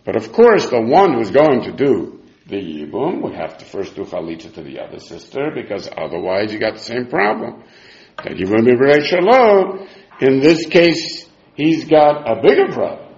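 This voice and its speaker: A man's voice: medium pitch, sing-song, moderate pace, creaky, a little mellow. A man with giving an informal religious text lesson, reasoning aloud in a sing-song way as he asks and answers his own questions. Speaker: Talmud teacher. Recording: dull, echoey room recording.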